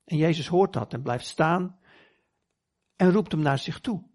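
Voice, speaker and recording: Husky-voiced man preaching a sermon. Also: fairly high pitch, unhurried, a little mellow. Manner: earnest storytelling, acts out quoted voices.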